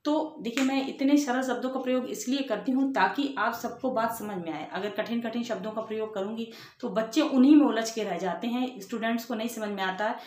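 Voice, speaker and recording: A woman's voice: a little high, fairly quick, few pauses, a little mellow. A woman teacher giving an exam-prep lecture, explaining in simple words, asking rhetorical questions and checking in with "ठीक है". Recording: echoey room.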